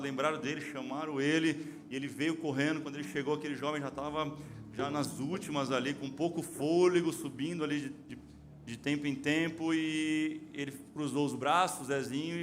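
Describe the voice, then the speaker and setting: A man, preaching a lively sermon as pastor and telling stories to the congregation, calling them brother. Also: on the high side, a little fast. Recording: live church sermon with music behind. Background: soft music.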